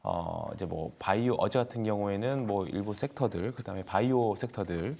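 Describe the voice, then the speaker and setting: A man's voice: fairly low pitch, a little fast, creaky, dark tone. A man appearing as a guest analyst on a TV market show, giving conversational analysis full of hedges and fillers. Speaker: securities firm team leader, guest analyst.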